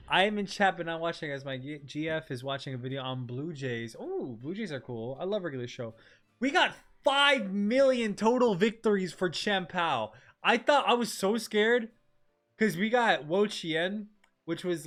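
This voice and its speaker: A man livestreaming a game in casual, slangy, excitable chat, often exclaiming and repeating his phrases. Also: high voice, measured pace, faint music behind. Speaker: game streamer.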